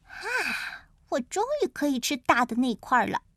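A woman reading a children's picture book aloud in the first person as a little mouse, in an animated, childlike way. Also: high-pitched, a little fast, no echo, clean studio sound. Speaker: storybook narrator speaking as the little mouse. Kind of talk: expressive children's story read-aloud.

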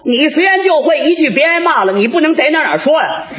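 A man performing a stage crosstalk comedy routine, bantering in brisk, boastful teasing setups before a live audience. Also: very high-pitched, big pitch swings, lo-fi sound, crowd noise.

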